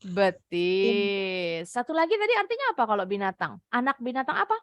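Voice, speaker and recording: A woman's voice: mid-range voice, big pitch swings, no echo, lo-fi sound. A young woman from Indonesia teaching an online English class to children, drilling words over and over and coaxing the pupils. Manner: drills words, repeats them slowly, coaxing. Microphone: computer mic on a video call.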